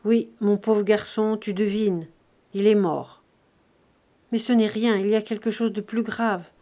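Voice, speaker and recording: A woman's voice: medium pitch, steady tone, a little slow, warm tone, lightly acted. A woman doing an old miserly uncle. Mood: blunt. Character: old miserly man, cold, calculating uncle. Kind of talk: audiobook reading of a classic novel.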